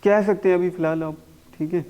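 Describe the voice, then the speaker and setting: A man teaching a spoken English class, mixing Hindi and English and slowly repeating words for his students to copy. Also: sits high, steady tone, dark tone. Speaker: English communication coach.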